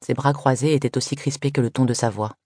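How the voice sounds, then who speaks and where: A woman reading a first-person story aloud in an even, measured way. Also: very deep voice, no room sound, studio quality. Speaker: audiobook reader. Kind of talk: scripted first-person narration.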